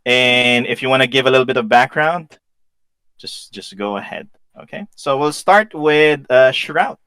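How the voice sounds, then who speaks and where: A man's voice: medium pitch, normal speed, bright, forceful tone, clear, resonant tone, no room sound. A man running a tabletop game as game master, hesitant with many fillers.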